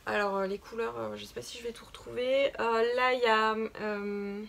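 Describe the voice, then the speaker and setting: A woman's voice: a little high, steady tone, moderate pace, vocal fry, fairly bright tone, slight background noise. A woman co-hosting a casual knitting podcast, talking hesitantly with many fillers and restarts. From France. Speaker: podcast co-host. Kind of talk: casual chat about knitting.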